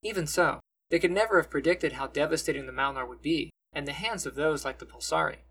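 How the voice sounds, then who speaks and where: Husky male storyteller. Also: fairly high pitch, a bit bright, low-quality recording. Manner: measured, descriptive storytelling. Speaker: narrator. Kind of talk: scripted fantasy audiobook narration.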